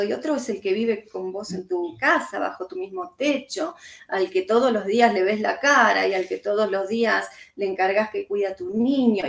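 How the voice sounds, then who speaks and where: An Argentine author and historian, speaking with her native accent, reflects aloud in an interview with frequent hesitations. Her mid-range voice is creaky, and the room has an echo.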